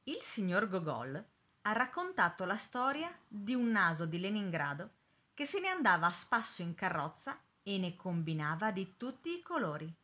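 A woman narrating a storybook in an expressive, lively way. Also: fairly low pitch.

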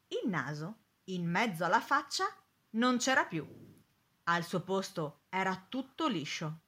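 A woman narrating a storybook in an expressive, lively way. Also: mid-range voice.

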